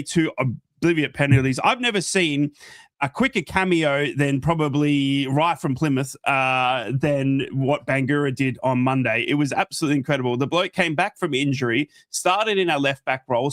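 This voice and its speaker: A man with a North East English accent co-hosting a casual football podcast, chatty and animated, calling the others mate. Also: on the high side, no room sound, studio quality. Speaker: podcast co-host.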